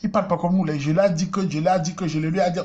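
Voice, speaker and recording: A man with a Cameroonian French accent telling a comic story, swinging between loud outbursts and low asides. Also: fairly even intonation, quick pace, muffled recording. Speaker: comedian.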